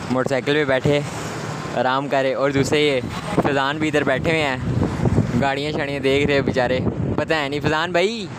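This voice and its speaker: A man's voice: mid-range voice, fairly even intonation, normal speed, heavy background noise. A young man from Pakistan chatting to viewers in a casual travel vlog, filmed outdoors on a phone held at arm's length. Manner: chatty, addresses viewers directly. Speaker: vlogger. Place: outdoors by a roadside.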